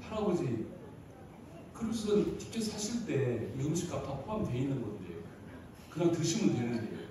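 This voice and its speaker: A man voicing a calm, polite restaurant manager on a cruise ship who explains things softly. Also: a little high, normal speed, noisy background, pitched below the performer's own voice. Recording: echoey hall from far off.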